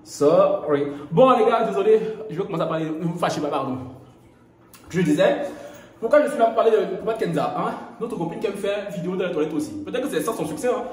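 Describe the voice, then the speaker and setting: A young man chatting casually in a gossip vlog, playful and laughing often, recorded on a phone in his bathroom at home. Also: quick pace. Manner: playful, laughing often, animated swings in pitch. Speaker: gossip YouTuber. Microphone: camera or phone while doing skincare. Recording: very echoey room.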